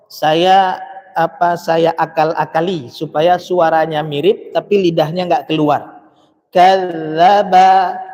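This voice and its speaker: High-voiced man, slow and deliberate, chanting verses and explaining pronunciation, echoing mosque. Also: darkish tone. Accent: Indonesian. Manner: demonstrates sounds by repeating syllables. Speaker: Quran recitation teacher. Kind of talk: dawn mosque lesson on Quran recitation. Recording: long mosque reverb.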